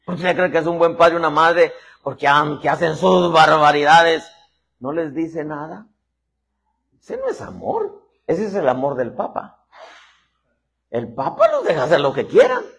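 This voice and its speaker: A man delivers a lively sermon in a slightly high, husky voice. His pitch swings widely as he acts out little scenes and voices. He keeps addressing the listeners as "hermano". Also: measured pace. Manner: animated preacher acting out voices, constantly saying "hermano". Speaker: apostle preaching.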